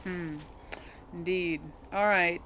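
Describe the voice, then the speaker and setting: A woman with a lowish, fairly bright voice keeps a steady tone and takes her time as she hosts a casual role-play let's play. She comments, reacts, and speaks in character over game music, with a little hiss or hum on the recording.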